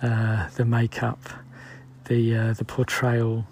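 A British man in his forties hosts a solo podcast with a gravelly, husky voice. He thinks aloud in a loose, meandering monologue, wandering from point to point as ideas come to him. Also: medium pitch, monotone, takes it slowly, darkish tone. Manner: musing, loosely planned, rambling. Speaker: podcast host.

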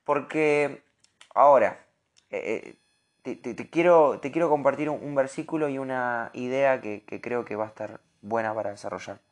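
A man with a Rioplatense Spanish accent giving an earnest, animated devotional sermon, sometimes restarting his words. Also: medium pitch, moderate pace. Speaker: preacher.

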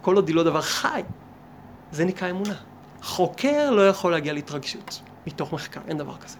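A man, a rabbi, giving a lively Torah lesson, firing rhetorical questions at his listeners and acting out imagined conversations. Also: sits high, slight background noise. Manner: animated, asks many rhetorical questions and acts out imagined dialogues. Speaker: rabbi teaching a class.

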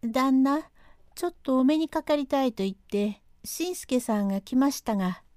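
Brief: a woman playing a deferential young maid, raised high voice, mellow tone, dry close sound. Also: expressive, moderate pace, dry recording. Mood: polite. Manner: polite and deferential. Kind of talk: reading a classic rakugo transcript aloud.

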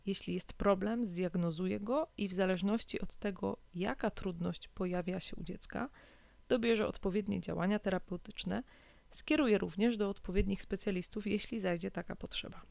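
A woman hosting an informative podcast, explaining calmly and steadily. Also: mid-range voice, moderate pace, gravelly, no room sound. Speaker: podcast host.

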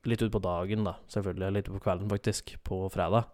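A man's voice: deep voice, steady tone, a little mellow. A young man telling a long story in casual chat, rambling with many fillers and self-corrections.

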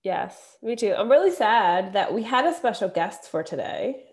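A woman from the Philadelphia area co-hosts a podcast as a dietitian, speaking in a mid-range, sing-song, slightly mellow voice at a moderate pace. She sounds congested and stuffy, chatting casually and laughing often.

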